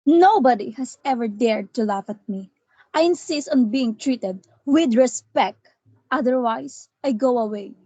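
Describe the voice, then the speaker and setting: A haughty, affronted leading lady of a theatre troupe, acted by a woman. The voice is high and softly husky, demanding respect in a stage-drama style. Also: expressive, a little slow, no room sound, full character voice. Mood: haughty, indignant. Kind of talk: dramatic stage-play reading.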